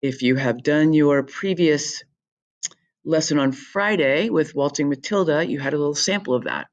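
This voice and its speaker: A woman teacher talking through a recorded lesson for her students in a chatty, jokey way, explaining with quick asides. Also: low-pitched, lo-fi sound.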